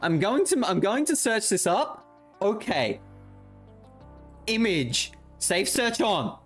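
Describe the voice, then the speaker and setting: Lively, excitable male streamer. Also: high voice, takes it slowly, soft background music. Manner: excitable, jokey, breaks into laughter. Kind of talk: casual gaming commentary.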